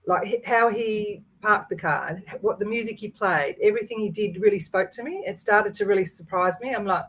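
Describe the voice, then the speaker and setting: A woman telling a personal story in a casual chat, animated and full of restarts. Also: mid-range voice, brisk, a little hiss or hum, rough recording. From Hungarian and Yugoslav background. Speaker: guest.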